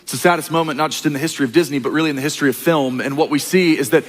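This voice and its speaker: A man's voice: a little high, steady tone, racing, long reverb tail. A man preaching a sermon in a church, retelling a story earnestly and building toward his point.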